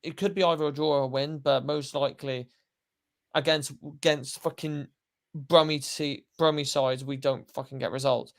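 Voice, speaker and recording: A man's voice: a little high, steady tone, moderate pace, creaky. A young man co-hosting a football fan stream, talking bluntly and swearing freely. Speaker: co-host. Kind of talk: football fan podcast chat.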